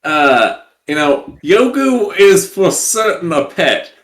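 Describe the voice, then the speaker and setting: A man voicing a blunt, gruff ship captain who talks with slow, drawled bravado. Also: high voice, very animated, a bit bright, heavily acted. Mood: brash. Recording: roomy echo.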